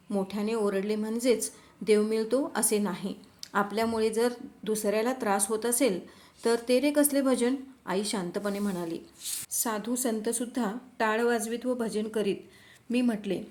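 Woman reading a storybook aloud. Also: medium pitch. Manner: steady, expressive reading of a classic novel. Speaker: audiobook reader.

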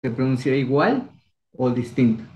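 The speaker is a young Ecuadorian man with a medium-pitched, sing-song, slightly mellow voice at normal speed. He runs an online language class, quizzing students and coaxing them along with encouraging questions.

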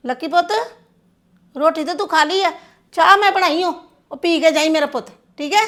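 A middle-aged woman playing a mother who scolds her daughter-in-law in an amateur family drama, with a high voice. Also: moderate pace, a bit bright. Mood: affectionate. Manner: firm, reproachful. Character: firm mother-in-law who takes no sides.

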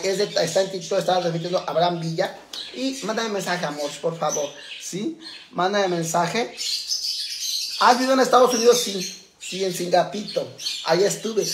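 A man chatting on a home livestream, campy and self-mocking, calling his viewers sisters. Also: sits high. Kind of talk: casual livestream chat. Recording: echoey room, faint background noise.

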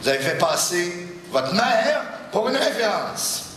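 Flustered pompous boss, echoey theatre. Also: male voice, high voice, sing-song, a little hiss or hum, full character voice. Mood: flustered, formal. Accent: Quebec French. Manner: halting, exasperated, repeats himself. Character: flustered, pompous middle-aged male office boss. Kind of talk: live stage sketch comedy. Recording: echoey theatre with loud audience.

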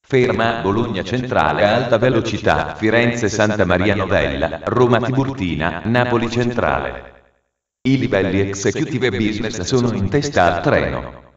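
A man's low voice delivers automated railway announcements over a station loudspeaker. The sound is muffled and heavily reverberant, as in a large hall. His phrasing is formal, measured and pieced together in segments. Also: sing-song. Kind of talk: automated public train announcements. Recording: muffled, very echoey station PA, distant.

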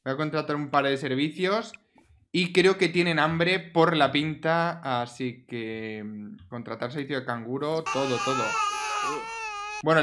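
A man commentating a life-simulation game, expressive and exclaiming, often scolding the characters. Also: on the high side, noisy background. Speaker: gaming YouTuber. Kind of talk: Sims let's play commentary.

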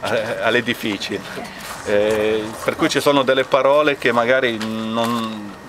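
A man's voice: medium pitch, measured pace, noisy background. A man with a Lombard Italian accent, speaking hesitantly with many fillers, then reading a dialect poem at an outdoor commemoration. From Castano area, Lombardy. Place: outdoors at a memorial bike ride.

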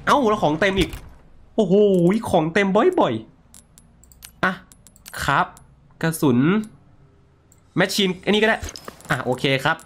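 A young man commentating his horror game play, excitable and crude, joking and swearing at enemies. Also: high voice, takes it slowly, pauses often. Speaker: gaming streamer.

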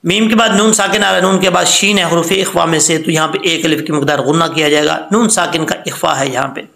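A man with a high, bright voice and a gravelly edge teaches Quran reading at an unhurried pace. He spells out each syllable patiently, then chants the word slowly. The sound has a roomy echo.

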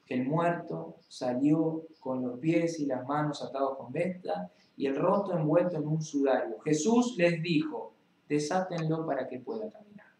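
A man's voice: a little high, darkish tone. Rioplatense man preaching in an echoey room. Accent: Rioplatense Spanish. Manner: reads scripture then preaches directly to the listener. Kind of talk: Bible reading and preaching.

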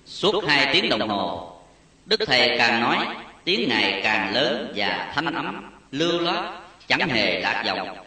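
A man reading a Buddhist memoir story aloud in a solemn, slow way, with a rising and falling voice, recorded far from the mic in an echoey space. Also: mid-range voice. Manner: slow, solemn, lively rise and fall. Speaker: narrator. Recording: echoey and distant.

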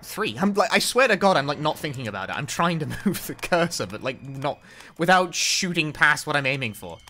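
A man's voice: fairly high pitch, big pitch swings, fairly quick, bright, forceful tone, a little hiss or hum. A man giving casual, rambling commentary during a game stream, full of "like" and swearing. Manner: rambling, self-mocking, swears, frequent "like". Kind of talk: casual live-stream commentary while gaming.

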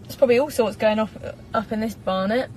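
A woman's voice: a little high, brisk, darkish tone, soft background music, low-quality recording. A woman in her twenties with an English accent, chatting casually to a live-stream audience from a parked car, speaking into a propped-up phone. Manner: chatty, bubbly, giggly. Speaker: singer doing a live stream. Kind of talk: casual live-stream chat reading comments. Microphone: phone propped up in front.

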